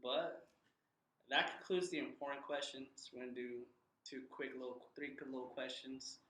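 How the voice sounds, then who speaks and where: A man's voice: mid-range voice, steady tone, moderate pace, fairly bright tone, echoey room, a little hiss or hum, low-quality recording. A man hosting an interview, asking friendly, loosely phrased questions. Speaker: host. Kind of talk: casual interview.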